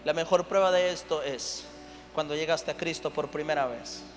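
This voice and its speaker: In a church hall, a pastor with a Mexican Spanish accent preaches a sermon, shifting from quiet, intimate talk to loud shouting. His male voice is fairly high-pitched at a moderate pace, recorded with long church reverb and music underneath.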